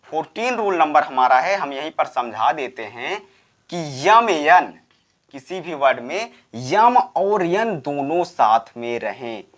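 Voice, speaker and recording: A man teaching English spelling rules, spelling words out letter by letter, repeating each point and asking quick check questions. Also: fairly high pitch, pushed and bright. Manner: slow, repetitive, drills spellings letter by letter; asks the class rhetorical check questions. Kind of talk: classroom-style lesson.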